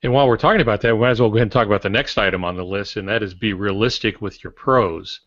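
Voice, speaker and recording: Over a dull, lo-fi video call from a small indoor home office, an older man who writes and co-hosts a writing podcast discusses craft casually and instructively, drawing on anecdotes. He speaks very fast in a voice on the low side with a fairly bright tone, and there is no room sound.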